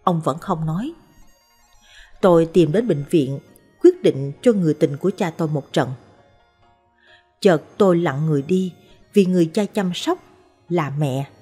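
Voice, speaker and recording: A woman narrating short life stories in a calm, measured, scripted way. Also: sits low, slightly rough. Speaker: storyteller. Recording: soft background music.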